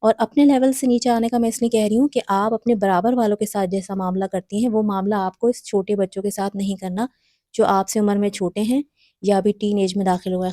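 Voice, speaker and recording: A woman's voice: medium pitch, warm tone, dry recording, clean studio sound. A woman hosting a parenting advice talk, speaking earnestly and instructively straight to mothers. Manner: earnest, instructive, addresses viewers directly.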